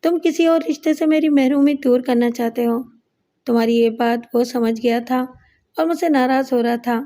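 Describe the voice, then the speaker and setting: A strange, secretive young woman speaks coyly and dreamily in an audio crime story, read by a woman. Her voice is high and mellow, close to the reader's own. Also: close to an everyday voice. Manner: coy, dreamy, dismissive. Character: odd, secretive young woman in love with a mirror.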